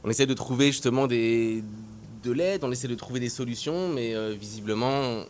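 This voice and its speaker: A man's voice: medium pitch, normal speed, darkish tone, a little hiss or hum. A man in his thirties from France, a guest speaking frankly and conversationally with many hesitations. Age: 30s. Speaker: guest, entrepreneur. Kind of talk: casual interview.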